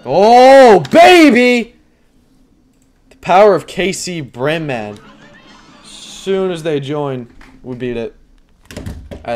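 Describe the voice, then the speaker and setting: A man's voice: mid-range voice, darkish tone. Chatty young man streaming a game. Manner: chatty, self-deprecating, with many fillers and sudden yelps. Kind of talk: casual gaming commentary. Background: game music.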